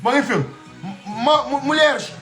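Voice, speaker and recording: A man's voice: very high voice, slow, a bit bright. Boastful man livestreaming from home. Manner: boastful, switches between Portuguese and French. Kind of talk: casual live stream chatter. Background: faint music.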